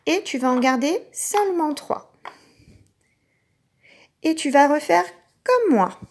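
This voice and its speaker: Woman teacher, sing-song and slow, spelling out syllables for small kids. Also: high-pitched, lively intonation. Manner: slow, clearly articulated, patient, sounding out syllables. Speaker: kindergarten teacher. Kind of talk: recorded classroom lesson for young children.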